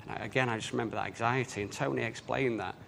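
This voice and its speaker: A man's voice: medium pitch, steady tone, rapid-fire, gravelly, a bit bright, a little hiss or hum. A man, telling a personal story in an earnest way. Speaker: speaker.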